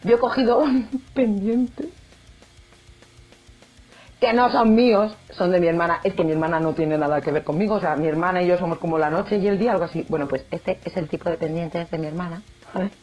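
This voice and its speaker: A woman's voice: fairly low pitch, a little fast. Young woman, jokey vlogger chat, dull-ish audio, faint music under it. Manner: chatty, jokey, animated, acts out quoted voices. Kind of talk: casual chat to camera.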